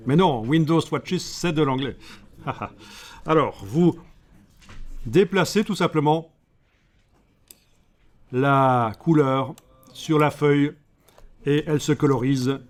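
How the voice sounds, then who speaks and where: A man with a Belgian French accent teaching a live software class, breaking up the steps with joking asides to his students. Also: a little high, takes it slowly, pauses often.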